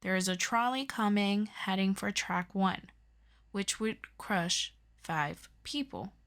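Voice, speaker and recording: In an ASMR audio roleplay, a woman voices an earnest young superhero sidekick in a scripted one-sided conversation, addressing a close friend like a patient tutor. Her medium-pitched voice is slow and unhurried yet chatty, excitable and expressive, with interjections and sighs. The mood is encouraging and playful.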